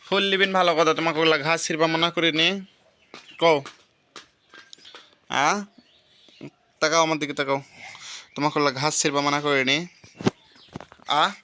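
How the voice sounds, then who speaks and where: A woman's voice: low voice, steady tone, measured pace, long pauses, bright, forceful tone, a little hiss or hum. Woman from coaxing a toddler. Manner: coaxing, singsong baby talk. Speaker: parent. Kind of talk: casual family chat with a toddler. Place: outdoors in a yard.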